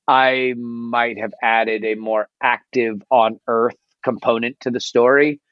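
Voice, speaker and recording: A man's voice: little pitch movement, takes it slowly, no echo. Hesitant man, slightly muffled sound. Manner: hesitant, many restarts, acts out lines in a high voice. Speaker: podcast contest judge. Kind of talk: casual critique.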